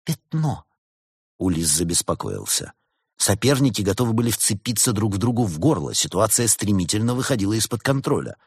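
A man reads a story aloud in a low, husky voice, lively as he tells it. His pitch moves a lot within the telling. The recording is close and dry with no room sound. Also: brisk, dry recording. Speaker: narrator. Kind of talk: audiobook narration.

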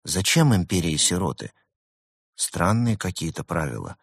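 A man's voice: sits low, big pitch swings, normal speed, creaky, no echo, clean studio sound, exaggerated voice. A man voicing a cautious, anxious female cat who speaks in a subdued, nervous way. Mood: worried. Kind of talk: audiobook reading.

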